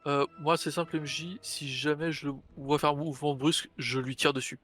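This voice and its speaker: A man chats casually as a player in a tabletop role-playing game. His voice sits slightly high, with faint music behind it. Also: flat delivery, fairly quick, fairly bright tone, husky.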